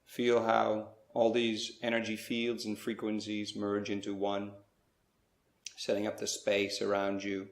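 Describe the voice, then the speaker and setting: A low-voiced man guides a slow spiritual meditation in a very flat, even tone. He delivers measured short phrases with pauses between them, and the sound is roomy with clear echo.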